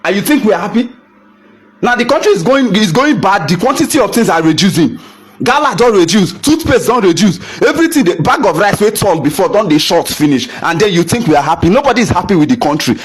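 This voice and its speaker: A man's voice: sits high, lively intonation, fast, slightly rough. A young Nigerian man giving a heated rant to camera, mixing English with Pidgin and hammering rhetorical questions. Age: young adult. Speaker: photographer ranting to camera. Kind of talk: impassioned rant.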